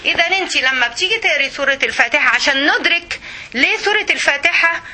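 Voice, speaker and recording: Egyptian woman teaching religion, high bright voice, brisk, slows to recite verses. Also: animated. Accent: Egyptian Arabic. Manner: explains, asks "okay?" often. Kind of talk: religious lesson to women.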